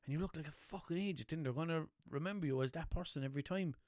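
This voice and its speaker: Talking very fast in a high-ish, slightly mellow voice, a young podcast host from Limerick, Ireland rambles casually and swears freely. He keeps checking in with listeners, asking "know what I mean", and the clean studio recording has no echo.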